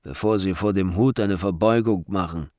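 A man voicing a stern, scornful soldier guard in a storybook reading, giving loud orders. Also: sits low, moderate pace, dry recording, studio quality, lightly acted.

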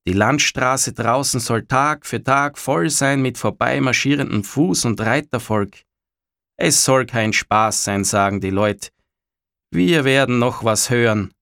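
A man reading a story aloud in a measured way, falling quiet at pauses. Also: medium pitch, no echo, clean studio sound. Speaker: narrator. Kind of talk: storybook narration.

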